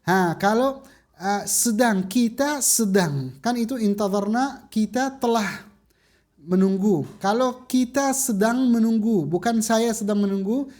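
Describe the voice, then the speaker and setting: Brief: female language teacher, unhurried delivery, patient drilling, repeats forms aloud. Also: a little high, darkish tone. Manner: patient, repeats words for students to echo. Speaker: Arabic teacher. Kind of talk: slow classroom drilling of verb forms.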